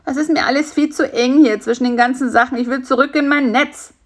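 A woman's voice: mid-range voice, expressive, unhurried, creaky, a bit bright. A woman voicing a grumpy, easily scared male spider in a children's story, grumbling and complaining. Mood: fretful.

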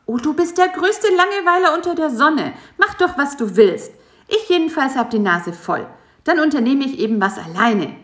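A woman voicing a whiny, restless little male insect in a storybook, nagging and shrill. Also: lively intonation, moderate pace, a bit bright. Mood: furious. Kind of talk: storybook voice acting. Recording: echoey room.

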